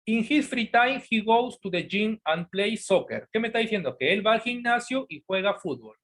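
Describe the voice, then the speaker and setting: Man explaining english grammar, reads the phrases slow then answers himself. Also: high voice, lively intonation, a bit bright. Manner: reads English phrases slowly, then asks and answers his own questions. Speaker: English teacher. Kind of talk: explaining a lesson.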